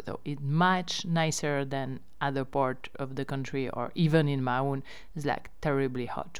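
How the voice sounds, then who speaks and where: Female host, deep clean tone, informal update delivery. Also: darkish tone, clear, resonant tone. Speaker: host running a riverside lodge and campsite. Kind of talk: casual spoken news update.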